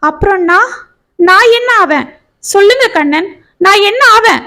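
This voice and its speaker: A woman's voice: high-pitched, normal speed, lightly acted. A woman voicing a distressed middle-aged single mother, tearful and pleading. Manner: tearful, pleading, rising and raw.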